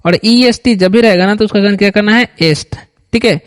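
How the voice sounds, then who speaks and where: A man, teaching English reading, slowly reading words aloud for students to repeat. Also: high voice, fairly even intonation, clear, resonant tone. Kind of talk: Hindi-medium reading lesson. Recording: long hall reverb.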